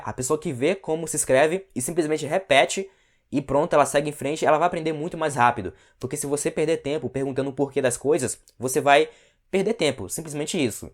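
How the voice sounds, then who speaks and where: A man with a fairly high voice teaches a language lesson online. He explains things patiently, checks in with his listeners often, and slows down to model each word.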